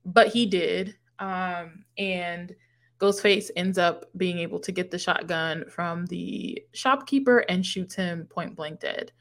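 A woman's voice: on the low side, takes it slowly. A woman co-hosting a podcast, chatting casually as she retells a movie's plot, acting out the characters' lines as she goes. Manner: animated storytelling, acts out characters' lines, swears casually. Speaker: podcast co-host. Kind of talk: casual movie recap chat.

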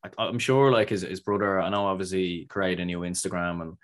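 A man hosts a relaxed podcast chat with a low, fairly flat voice. He fires off long questions quickly, circling back with "like" and repeated words. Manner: rambling questions full of "like" and restarts. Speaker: podcast host. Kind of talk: casual interview chat.

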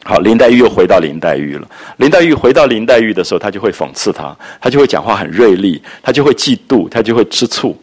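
A man lecturing on a classic novel, musing and reflective, with frequent soft asides. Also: lowish voice, big pitch swings, quick pace, hardly any pauses, breathy edge. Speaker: literature lecturer.

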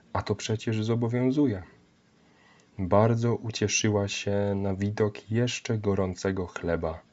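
A male narrator reads a scripted historical account in a measured, solemn way. His voice is deep and his pace is slow, and the recording has a dull, lo-fi sound. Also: dark tone.

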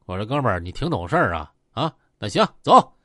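A man puts on a blunt, threatening young gang boss with a Northeastern Mandarin accent. He swears freely and his pitch swings widely. The sound is dry and close. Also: very animated, brisk, fairly bright tone, no room sound. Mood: menacing.

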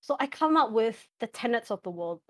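Brief: young woman podcast guest, fairly high voice, chatty and giggly, filler-heavy casual talk. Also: animated, a little fast, no echo. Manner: chatty, laughs often, many fillers. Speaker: podcast guest, game master.

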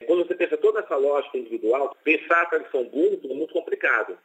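A man's voice: a little high, animated, racing, fairly bright tone, husky, faint music behind. A man with a Brazilian accent, a professor answering an interview question in a thoughtful, reflective way. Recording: dull lo-fi interview recording.

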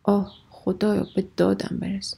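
A woman voicing a man trapped at the bottom of a well, pleading for help in a husky, raised voice. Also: on the high side, steady tone, mellow. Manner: desperate, calling for help.

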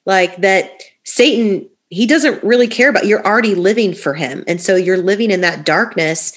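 A woman's voice: mid-range voice, moderate pace. A young woman talking earnestly in a casual podcast conversation, leaning on "like" fillers and repeating phrases for emphasis. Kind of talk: casual podcast talk about faith and healing.

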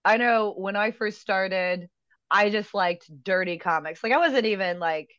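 A woman's voice: mid-range voice, measured pace, a bit bright, dry recording, muffled recording. A woman around thirty, a comedian guest, talking candidly and poking fun at herself. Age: 30s. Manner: candid, self-deprecating. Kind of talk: casual chat.

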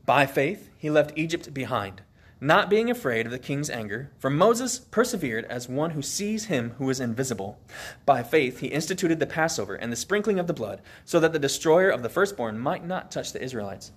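A man preaching a sermon, reading scripture aloud with emphasis and speaking in an animated way. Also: medium pitch, normal speed, breathy edge.

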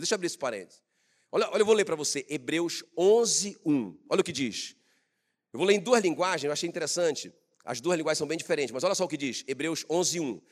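Pastor guy preaching, voice swoops all over, gets loud then soft again. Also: high voice. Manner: animated preaching with loud shouted praise bursts. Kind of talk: sermon.

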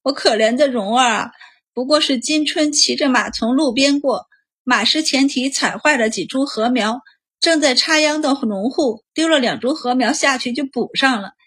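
A woman voicing a grieving, furious middle-aged noble mother who scolds loudly in a storybook reading. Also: high-pitched, normal speed, breathy edge. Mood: angry wailing. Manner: loud scolding, wailing.

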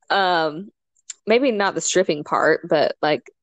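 A woman's voice: fairly low pitch, lively intonation, drawn-out words, no room sound. A young adult woman co-hosting a podcast, chatting casually and laughing easily. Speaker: podcast co-host. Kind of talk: casual chat.

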